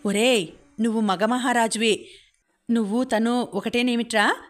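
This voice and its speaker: A woman's voice: fairly high pitch, fairly even intonation, measured pace, natural voice. A woman narrator voicing a stubborn, harsh older father in an audiobook. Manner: harsh, complaining.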